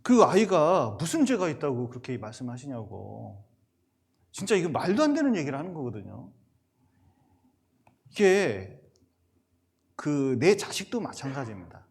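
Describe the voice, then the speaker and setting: A man's voice: fairly high pitch, normal speed, creaky, pauses often. A male pastor preaching to parents, telling stories with acted-out quotes. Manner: animated storytelling with acted-out quotes. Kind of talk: sermon to parents.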